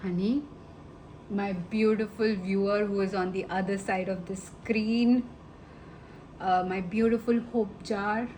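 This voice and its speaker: A woman's voice: medium pitch, steady tone, slow pace, mellow, a little hiss or hum, rough recording. A woman giving a casual tarot reading to the viewer, affectionate and rambling, calling them babe and honey. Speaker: tarot reader.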